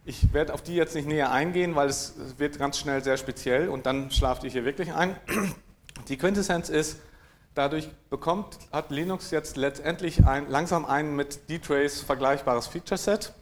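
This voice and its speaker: Throat-clearing man giving a tech talk. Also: on the high side, normal speed. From East Frisia, northern Germany. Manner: hesitant, many fillers, frequent throat clearing, dry. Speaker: conference speaker. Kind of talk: technical conference talk. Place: lecture room at a conference.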